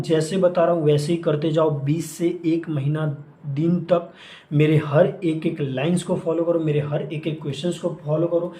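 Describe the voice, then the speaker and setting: The speaker is a young adult man whose voice is fairly high in pitch and dark in tone. He runs a casual exam-prep lesson in Hindi peppered with English phrases, giving repetitive instructions in an echoey room.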